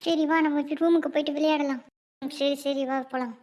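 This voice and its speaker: Two young cartoon sisters bicker nonstop, the older one bossy and the younger one cheeky and sing-song, both put on by one woman. Their voices sit high and girlish, full of teasing and whining. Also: steady tone, brisk, darkish tone, close to an everyday voice. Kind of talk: homemade cartoon voice acting.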